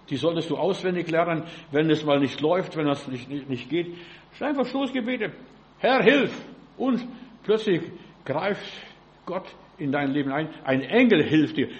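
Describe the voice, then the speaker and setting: A man preaching an informal sermon, fervent and speaking straight to the listener with frequent rhetorical questions. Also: a little high.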